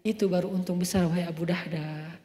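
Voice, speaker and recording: Storyteller doing a soft-spoken, formal, pious wife, in a reverberant hall. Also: medium pitch, fairly even intonation, brisk, pitched below the performer's own voice, lightly acted. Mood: gentle. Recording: echoey hall with long reverb.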